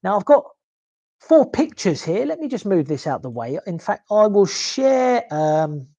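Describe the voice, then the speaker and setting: Man, online teacher, lively pitch, keeps asking "okay?". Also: a little slow. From London. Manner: animated, checks in with listeners, okay and yeah. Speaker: English exam teacher. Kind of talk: online lesson on a video call.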